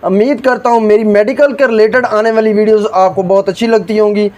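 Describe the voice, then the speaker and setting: A man with a notably high-pitched voice explains a medicine for his medical video channel. He talks in a steady, informational way, looping back to the same stock phrases and dropping filler words between points. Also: fast. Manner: formulaic, repetitive phrasing with frequent filler words.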